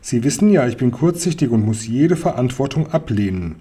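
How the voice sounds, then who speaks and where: A man voicing a cautious elderly grandmother in a storybook reading, speaking slowly and politely. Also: medium pitch, expressive, warm tone, a little hiss or hum, natural voice. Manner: slow, careful, polite.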